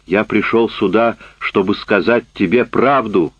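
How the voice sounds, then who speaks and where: A man voicing a bitter, worn-out man back from a camp, speaking loud and heated, in a dull, dry recording. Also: on the low side, a little slow, slightly rough, dry recording. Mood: accusing.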